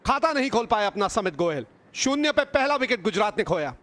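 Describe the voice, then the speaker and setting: A man's voice: high-pitched, sing-song, brisk, noisy background. A man with an Indian accent giving conversational, reflective live cricket commentary as a broadcaster.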